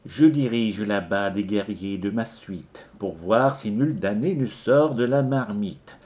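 Slow and low, a scheming demon captain of hell gives orders with a smooth, falsely courteous air, as a man reads him. His unhurried voice sits deep and steady, as if guiding travellers along a trap. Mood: commanding.

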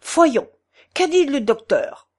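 A woman's voice: sits high, very animated, slow pace, darkish tone, pitched above the performer's own voice, heavily acted. Woman doing an old German man. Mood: flustered. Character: kindly old German man, stern when pushed.

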